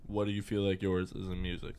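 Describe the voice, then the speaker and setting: A man's voice: deep voice, completely flat delivery, quick pace, warm tone, clean tone. A young man co-hosting a podcast, laughing easily and asking his guest questions in casual chat. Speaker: podcast co-host.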